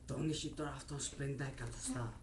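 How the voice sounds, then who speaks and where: A man's voice: medium pitch, steady tone. A young man telling crude jokes in a blunt, offhand way. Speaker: joke teller. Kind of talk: casual joke telling. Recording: echoey room, faint noise.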